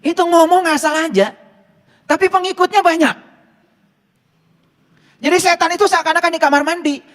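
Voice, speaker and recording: A man's voice: very high voice, moderate pace, fairly bright tone. A man preaching a casual sermon, teaching with rhetorical questions. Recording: long hall reverb.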